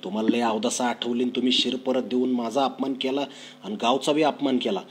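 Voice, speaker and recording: A man voicing an angry, hot-headed young villager who shouts accusations at his father. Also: medium pitch, fairly even intonation, fairly quick, close to an everyday voice. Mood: furious.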